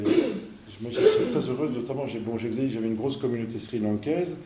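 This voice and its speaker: A man's voice: mid-range voice, echoey room, background noise. A man, a parish priest, giving an informal talk to an audience, conversational and emphatic, full of fillers and restarts.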